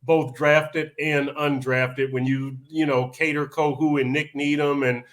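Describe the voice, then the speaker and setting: A man's voice: a little high, level tone, a bit bright. A man hosting a sports podcast, talking casually with frequent restarts and fillers. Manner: halting, many restarts and fillers. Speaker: podcast host.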